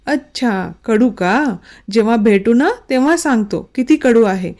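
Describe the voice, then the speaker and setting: A woman reading a storybook, voicing a young husband who talks calmly and patiently, gently scolding and loving. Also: a little high, a little slow.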